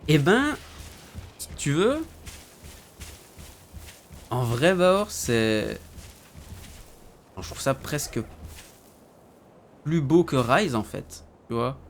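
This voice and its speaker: A man streaming a game, chatting casually with his viewers in slangy, relaxed talk. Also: mid-range voice, drawn-out words, pauses often, a little hiss or hum. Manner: laid-back, slangy, talks to chat by name.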